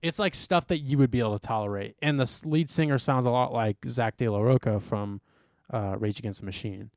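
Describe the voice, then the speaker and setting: A man's voice: medium pitch, brisk, no room sound. Rambling young man, casual and dry. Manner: rambling and animated, many fillers and curse words. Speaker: podcast co-host. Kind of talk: casual chat.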